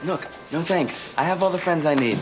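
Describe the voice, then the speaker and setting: A man's voice: fairly high pitch, normal speed, close to an everyday voice. A young actor playing a short, earnest teen boy, a bit hesitant and touchy, in a sitcom. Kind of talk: sitcom acting. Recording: TV sitcom with loud laugh track and music. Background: loud audience laughter and music.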